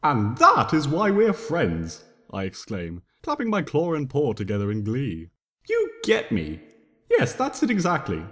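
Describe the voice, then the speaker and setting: A man with a medium-pitched, slightly bright voice reads fan fiction aloud in the first person, unhurried and dramatic, his pitch swooping wildly in a playful trickster style. The recording has a long echo from a reverberant room.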